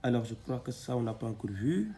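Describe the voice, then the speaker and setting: A man teaching a reading lesson, slowly sounding out syllables and repeating them patiently. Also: medium pitch, big pitch swings, mellow, slight background noise.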